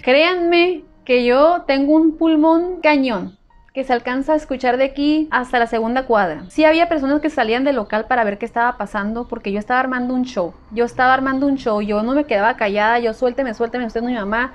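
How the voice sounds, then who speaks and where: A woman telling a personal story to her viewers, emphatic and repeating her phrases. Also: fairly high pitch. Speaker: vlogger. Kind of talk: storytime narration.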